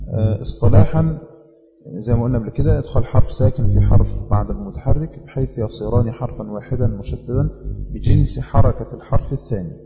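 Gravelly Egyptian man teaching recitation rules. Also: medium pitch, long reverb tail, lo-fi sound, soft background music. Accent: Egyptian Arabic. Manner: measured, repeats each rule. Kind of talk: tajweed lesson.

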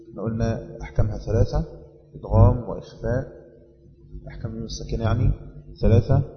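A man with an Egyptian accent teaching the rules of Quran recitation in a measured way, repeating each rule as he explains it. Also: fairly low pitch, gravelly, in a large hall, lo-fi sound. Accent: Egyptian Arabic. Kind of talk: tajweed lesson.

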